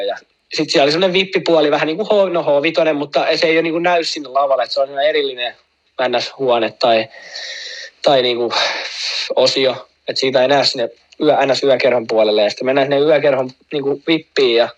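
A man with a medium-pitched voice tells a long, meandering story as a guest, packed with fillers and side remarks, and he laughs at his own tale. The recording sounds muffled.

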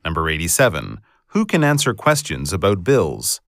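Low-voiced man narrating exam questions, very animated intonation. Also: moderate pace, no echo, studio quality. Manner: formal, clearly enunciated. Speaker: test narrator.

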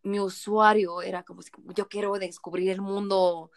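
A woman in her thirties with a Mexican accent, a tipsy podcast co-host, makes casual chat by telling frank stories in an animated way, complete with playful put-on voices for quotes. She speaks at a moderate pace in a medium-pitched voice, with clean studio sound and no echo.

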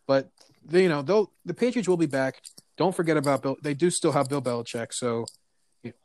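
A man's voice: a little high, brisk, a little mellow. A man talking as a guest on a casual sports podcast, rambling and often restarting his sentences. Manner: rambling, hesitant, repeats words.

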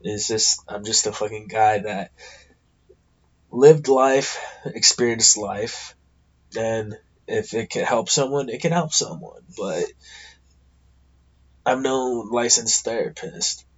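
A man's voice: lowish voice, slow pace, pauses often, slightly rough, muffled recording. An American man with a congested, stuffy nose, hosting a podcast alone in a casual, blunt, sweary ramble. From California, United States. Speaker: podcast host.

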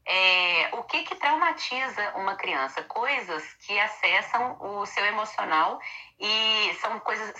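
Bright-voiced woman on a phone line. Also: medium pitch. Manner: explanatory, acts out quoted children and mothers. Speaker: child psychologist guest. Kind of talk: casual advice interview.

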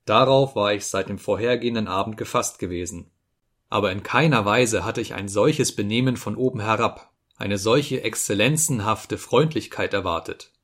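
A man's voice: fairly low pitch, a bit bright. Man reading an audiobook. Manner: measured literary reading. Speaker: audiobook reader. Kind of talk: audiobook narration.

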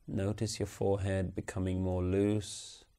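A man guides listeners through a relaxation exercise in a slow, soothing way. His voice is low and mellow, and he keeps it flat and even throughout. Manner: slow, soothing, unhurried instructions. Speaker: meditation guide.

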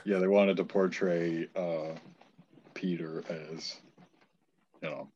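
A man's voice: sits low, steady tone, takes it slowly, a little mellow, highs cut off, slight background noise. A man co-hosting a casual movie podcast, rambling as he searches for words. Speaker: podcast co-host.

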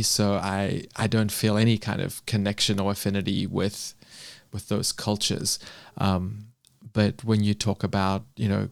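A man from South Africa talking thoughtfully in a casual conversation, with soft laughs between his points. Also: lowish voice, creaky, no echo.

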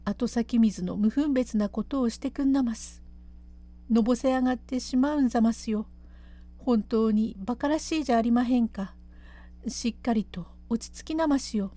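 A woman reading as an anxious attendant from an old pleasure house, pleading and coaxing in courtesan speech, her voice pitched a little high. The tone stays mellow and dark, hushed and urgent, as in a classic told tale. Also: normal speed, close to an everyday voice. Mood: pleading, alarmed.

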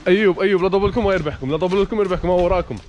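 Moroccan male game host, quick repeated urging calls, frequent laughter, somewhat high-pitched. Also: dull audio. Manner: urges players on with rapid repeated calls, laughs often. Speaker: host running a challenge game. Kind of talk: energetic game commentary.

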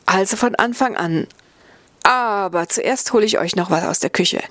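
A woman voicing a gentle, hospitable old male hermit monk who lives in a cave, read for a storybook. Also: mid-range voice, moderate pace, no room sound, natural voice. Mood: kindly. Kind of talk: storybook reading.

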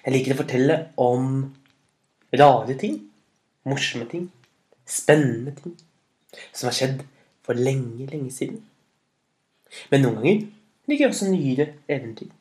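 A man narrating a children's storybook tale, animated, with sudden loud emphatic words and slow drawn-out phrases. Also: medium pitch.

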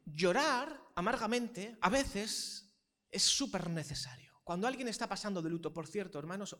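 A man's voice: high-pitched, fairly bright tone. A male pastor preaching a sermon. He is emphatic, repeats phrases for weight and keeps asking the congregation questions.

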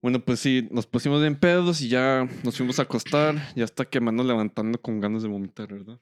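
A man's voice: medium pitch, a little fast, clean tone. A man telling a story in a casual podcast chat with friends, full of slang and laughter. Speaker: podcast co-host. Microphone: USB studio mic.

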